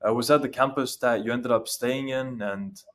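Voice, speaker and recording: A man's voice: medium pitch, moderate pace. A man interviewing a guest with brief, plain prompts and questions.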